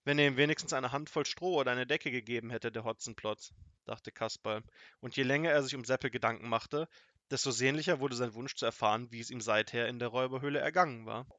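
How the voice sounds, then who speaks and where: A man narrating a children's story aloud in a lively, expressive way. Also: mid-range voice, fast, no room sound, dull audio. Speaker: audiobook narrator.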